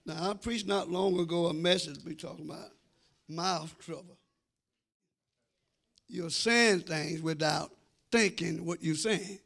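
A forceful, gravelly, high-pitched voice belongs to a middle-aged American man preaching a sermon as senior pastor. Standing before his congregation in the church sanctuary, he speaks emphatically into a handheld microphone, lengthening his phrases and talking to them directly.

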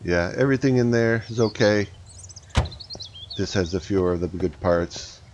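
Excitable man narrating his gameplay. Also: on the low side, measured pace. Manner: excitable, talks to viewers while playing. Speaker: gaming channel host. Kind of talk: casual gameplay commentary. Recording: slightly dull, faint background noise.

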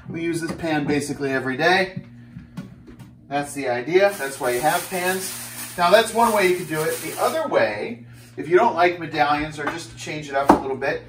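A slightly high-voiced man in his thirties hosts a casual fitness cooking segment, joking and energetic as he works in a small home kitchen. Picked up by a camera mic a few steps away, he sounds far off and slightly off-mic, with echo and a noisy background.

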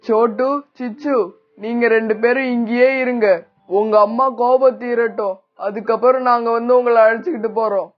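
A man voicing a kind, grieving pigeon uncle in a cartoon, gentle and sorrowful. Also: very high-pitched, fairly even intonation, moderate pace. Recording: dull lo-fi with faint music.

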